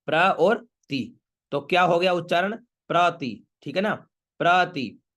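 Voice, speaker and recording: Male Vedic chant teacher, slightly high bright voice, slow deliberate delivery, syllable-by-syllable drilling. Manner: explains syllable by syllable, then slowly chants each phrase. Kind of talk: online class teaching mantra pronunciation.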